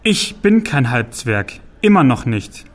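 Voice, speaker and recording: A dry, level-headed male warrior answers in measured, even tones, as a man reading an audiobook gives him voice. The pitch sits mid-range. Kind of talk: audiobook character voice.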